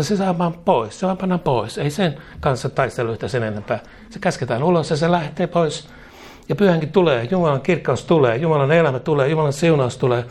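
A man's voice: mid-range voice, darkish tone. A man preaching a charismatic sermon in emphatic, rhythmic repeated phrases, chuckling now and then.

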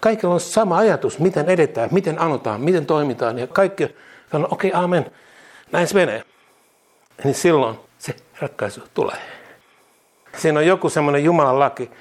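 A man preaching and leading prayer, repeating each phrase twice with bursts of laughter and exclamations. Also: medium pitch. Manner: fervent declarations, calmer teaching later. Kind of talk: charismatic sermon and prayer.

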